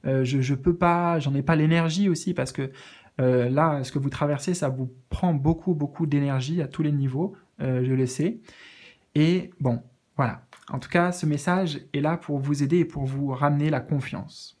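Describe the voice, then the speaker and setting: A man giving a casual spiritual card reading, gentle and reassuring, often hesitating and searching for words with many fillers. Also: fairly high pitch, steady tone, moderate pace. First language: French. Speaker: tarot card reader.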